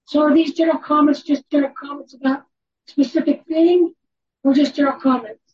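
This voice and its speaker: A woman's voice: sits high, steady tone, a little fast, a little mellow. A woman giving a public comment over a video call, her voice weak and strained, not yet recovered. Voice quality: strained, faint. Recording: dull lo-fi call audio.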